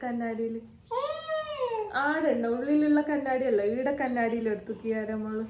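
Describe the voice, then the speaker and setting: A woman's voice: on the high side, fairly even intonation, normal speed. A mother with a slight cold, speaking in casual baby talk and repeating coaxing, sing-song prompts to her toddler at home.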